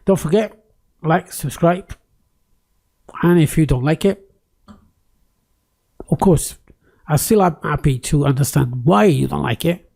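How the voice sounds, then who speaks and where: A close-miked tech YouTuber, not a native English speaker, rants casually over his screen recording, full of fillers and restarts. He talks unhurriedly with long pauses, and his fairly high voice carries vocal fry, a slightly mellow quality and a breathy edge.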